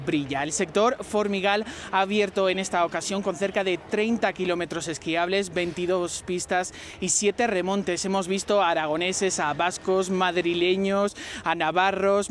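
A man in his forties reporting live with a handheld mic outdoors at a snowy ski resort, in a steady reporting tone. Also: high voice, slight background noise. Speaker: field reporter.

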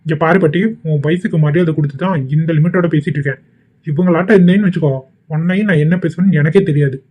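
A man's voice: a little high, steady tone, fast, a little mellow, slightly rough. A man voicing a defiant, hot-tempered young husband in a cartoon, speaking in a stern, warning tone.

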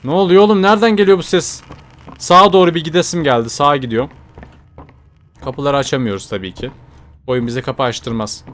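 A young man giving chatty horror game commentary, talking to his viewers, jumping from low mutters to startled shouts. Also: brisk, pauses often. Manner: chatty, addresses viewers directly. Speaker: gaming YouTuber.

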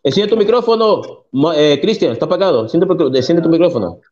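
A man's voice: a little high, lively intonation, fairly quick, a little mellow. A man in a heated online debate, combative and preachy, quoting scripture at his opponent. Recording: dull lo-fi call audio.

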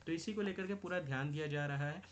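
A man's voice: a little high, quick pace, highs cut off, slight background noise. A man giving an exam-prep current affairs lecture, explaining news in a mix of Hindi and English terms with many repeated phrases.

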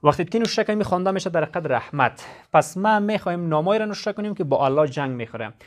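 A man gives a classroom lesson. His voice sits slightly high, and he explains each step slowly and patiently, repeating his points. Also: animated. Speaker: teacher.

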